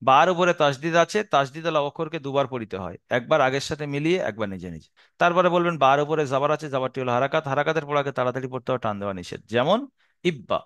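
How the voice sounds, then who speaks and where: A man teaching Quran reading in a slow, patient lesson. He explains each rule again and again and draws out the Arabic syllables he recites. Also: mid-range voice, animated, a bit bright, no echo.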